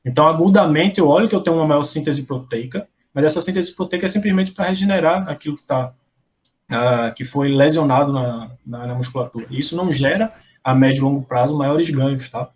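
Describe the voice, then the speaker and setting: A man's voice: fairly high pitch, fairly quick, muffled recording. Man with a Brazilian accent lecturing. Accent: Brazilian Portuguese. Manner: explanatory, frequent fillers and self-corrections. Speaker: lab meeting presenter. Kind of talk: academic lecture with discussion.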